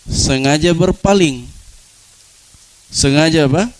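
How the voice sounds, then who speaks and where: In a classroom lecture on Arabic grammar, a man speaks slowly, asking questions he then answers and going back over important words. When giving examples his voice drops low. The recording is of poor quality.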